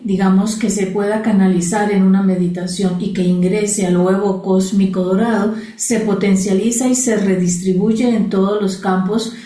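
A woman leads a guided meditation, repeating her phrases slowly and soothingly. Her voice is mellow and warm. The sound carries the echo of a roomy space. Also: mid-range voice. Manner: slow, repetitive, soothing phrasing. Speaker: spiritual teacher.

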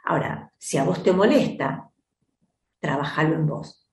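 Low-pitched and unhurried, this woman speaks with an Argentine Spanish accent and lively intonation in a reverberant space. She hosts an advice program and teaches a self-help method, explaining ideas in a reflective, teacherly way while often checking in with her listeners.

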